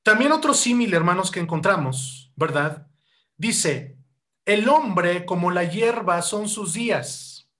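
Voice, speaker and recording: A man with a high voice preaches a sermon, firing rhetorical questions at the congregation and addressing them as brothers. He moves between loud rising bursts and slow, deliberate stretches when he explains a point. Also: lively intonation. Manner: rhetorical questions, keeps calling hearers "hermanos". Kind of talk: sermon teaching.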